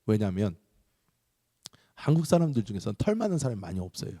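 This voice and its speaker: A man's voice: fairly low pitch, fast talker, studio quality. A male pastor preaching a sermon, telling stories and acting out the voices of the people in them. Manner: animated storytelling, acting out quoted voices. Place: large church sanctuary. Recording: reverberant church hall.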